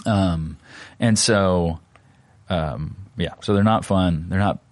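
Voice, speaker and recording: A man, a pastor, talking through his sermon in a relaxed, conversational way with plenty of fillers. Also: deep voice, slow pace, dry recording. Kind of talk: casual podcast discussion of a sermon.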